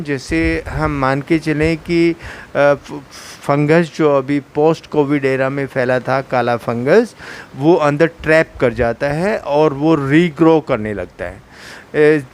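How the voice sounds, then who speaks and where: A middle-aged man, an ENT surgeon, calmly explains a medical condition to an interviewer, pausing often on "uh". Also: a little high. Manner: calm, explanatory, with frequent "uh" fillers. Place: hospital clinic room.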